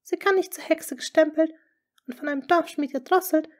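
A woman voicing an anxious lady-in-waiting in an audiobook, speaking high, tense and trembling. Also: a little fast, natural voice. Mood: alarmed. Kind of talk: audiobook character reading.

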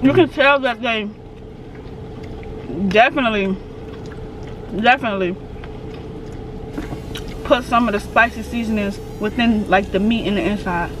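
A woman's voice: on the high side, measured pace, long pauses, noisy background. A woman hosting a casual food review, chatty and slangy, speaking to viewers with her mouth full. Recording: music playing loudly behind.

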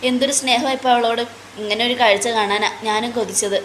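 A woman's voice: a little high, steady tone, brisk, a bit bright, slight background noise, lightly acted. A woman voicing a fond, hopeful middle-aged mother talking to her husband.

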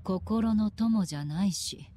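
A woman voices a young anime game leader with a mid-pitched voice. She is brusque, cool and blunt, sounding unimpressed. The capture has faint noise behind her. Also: slow pace, mellow, lightly acted. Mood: irritated, flat.

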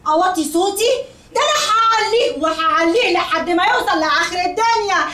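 A furious egyptian daughter, sky-high voice, echoey room with music. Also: female voice, fairly quick. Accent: Egyptian Arabic. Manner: sharp, sarcastic, shouting. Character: defiant grown daughter furious at her family.

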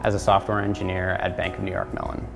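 A man's voice: deep voice, huge pitch swings, fast talker, creaky. A young man in his twenties from rural Pennsylvania, a graduate student speaking steadily and matter-of-factly in an interview testimonial. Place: indoor university hallway. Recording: long reverb with music behind.

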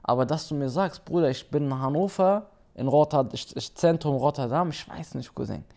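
A man's voice: on the high side, fairly quick, vocal fry, warm tone. A young man judging on a panel, talking in casual street slang with a teasing, joking manner. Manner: slangy, teasing, addresses others as brother and cousin. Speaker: panel judge.

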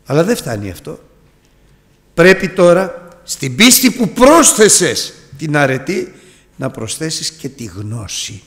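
A man preaching a sermon with passion, often swelling to near-shouts. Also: a little high, big pitch swings. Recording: long hall reverb.

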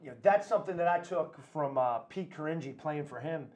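A man's voice: fairly high pitch, fairly quick, a little mellow. A man in his forties hosting a sports podcast, asking friendly follow-up questions. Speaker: podcast host. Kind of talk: casual interview chat. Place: studio set with wood backdrop.

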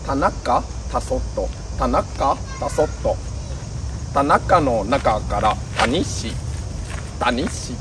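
A man, a comedian delivering one-liner gags in a drawn-out singsong way. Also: mid-range voice, animated. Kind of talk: slow one-liner gag medley. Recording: distant mic, noisy outdoor ambience.

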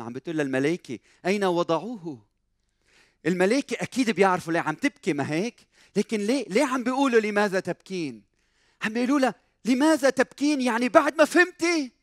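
A high-pitched Lebanese pastor delivering a sermon in a church. He moves between quiet, hushed phrases and loud, dramatic exclamations. The sound is dry and close, with no room echo. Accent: Lebanese Arabic. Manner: dramatic, swings from soft hushed lines to loud emphatic cries.

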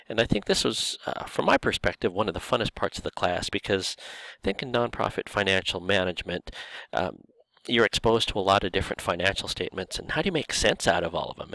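A low-voiced man with a gravelly, creaky edge walks students through a recorded course review. He talks in a relaxed way, with frequent filler words. The sound is dry and close, with no room echo. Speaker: course instructor. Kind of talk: recorded lecture video.

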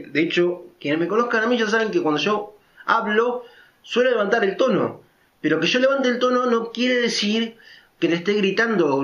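A man speaks in a loud, emphatic way, sitting higher in pitch than most men. He talks through a casual opinion monologue, often checking in with quick tag questions. The recording is roomy and a little dull. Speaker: vlogger.

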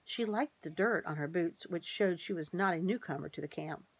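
A woman's voice: fairly low pitch, husky, no room sound. Woman reading a children's storybook. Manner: measured, gently expressive reading. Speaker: narrator. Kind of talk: storybook read-aloud.

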